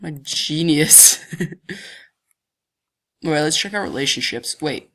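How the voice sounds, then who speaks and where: This man's voice sits on the high side, slow but lively in intonation, with a pushed, bright quality. He's a young gaming channel host with a cold, his stuffy voice deeper than usual, giggling mischievously and frequently laughing as he thinks aloud and clicks through a screen-recorded game in casual commentary.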